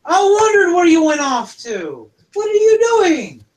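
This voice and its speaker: A man doing a high, tearful young kobold. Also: moderate pace, poor audio. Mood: overjoyed. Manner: excited, near crying. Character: young male kobold adventurer, emotional.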